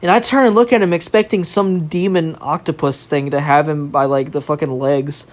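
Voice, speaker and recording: A young adult podcast storyteller, animated and loose, dropping swear words and laughing along. The voice is mid-pitched, and the delivery is casual chat. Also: normal speed. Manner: animated, swears freely, laughs while telling.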